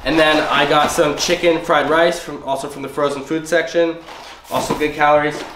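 A man's voice: a little high, level tone, moderate pace. A young man with a congested, stuffy voice, chatting through a grocery haul in a casual vlog. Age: young adult. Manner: chatty, upbeat, explains item by item. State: congested, sick. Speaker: vlogger. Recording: roomy, distant, noisy home recording.

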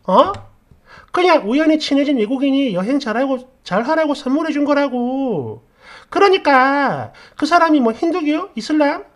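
A woman's voice: high-pitched, lively intonation, moderate pace, pitched above the performer's own voice. A woman narrating a story and voicing an offended young bride who speaks sharply and accusingly, with a raised voice. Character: indignant devout young woman, quick to take offense.

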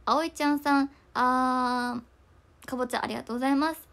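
A young woman, chatting fast and casually on a livestream, reading viewer comments and often apologizing. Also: high voice, fairly even intonation, fairly bright tone.

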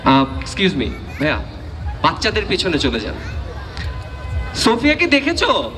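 A man hosting a children's puppet show, presenting in an animated, playful and coaxing way. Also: sits high, unhurried, soft background music, a faint crowd.

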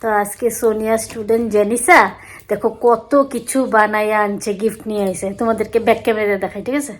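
A middle-aged woman chatting casually to her viewers in a home vlog, talking in a relaxed colloquial way and recorded on a phone camera. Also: medium pitch. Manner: chatty, talks straight to viewers in colloquial dialect. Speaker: vlogger.

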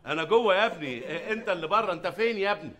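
A man's voice: high voice, animated, rapid-fire, a loud crowd. A man with an Egyptian accent playing a bossy, mocking café owner who brushes off his workers. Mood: brash. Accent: Egyptian Arabic. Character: blustering, mocking male café boss. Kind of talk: sitcom acting. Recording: studio laugh track.

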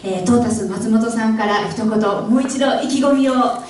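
A woman's voice: fairly high pitch, normal speed, a little mellow, slight background noise. A woman hosting a press event as emcee, speaking politely and formally in an echoey hall from a distance. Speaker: master of ceremonies.

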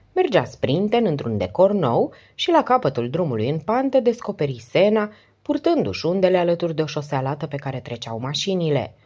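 Woman reading an audiobook, low voice. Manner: steady, expressive reading. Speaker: audiobook narrator. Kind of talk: audiobook narration.

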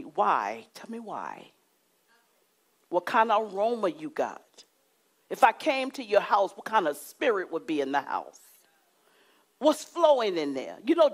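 A middle-aged woman preacher delivers a sermon in a church studio with a curtain backdrop, picked up by a lapel mic. She is lively and emphatic, with wide pitch swings, animated energy, dramatic pauses and shifts into a hushed voice.

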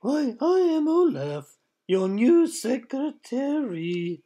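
Over background music, a woman puts on a full character voice as an eager, overly helpful Swedish secretary, a muscle-bound man with a moustache, using a fake Swedish accent and earnest, formal wording. Her voice sits high and sing-song, slow and warm with a slight roughness.

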